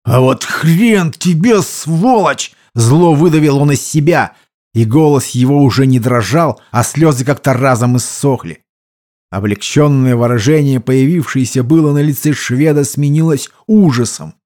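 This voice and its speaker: Brief: male audiobook narrator, mellow warm tone, measured delivery. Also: medium pitch. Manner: steady, measured storytelling. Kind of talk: scripted narration.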